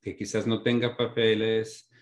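This migration researcher, a middle-aged European man with a fairly low voice, gives measured, explanatory interview answers in a second language. His pitch moves little, and he often pauses on fillers and restarts phrases while building his points.

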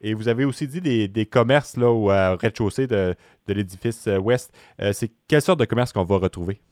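A man conducts a news interview. His voice sits fairly low, and the recording is very dry with no room sound around him. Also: fairly quick, a little mellow, dry recording. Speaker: radio interviewer.

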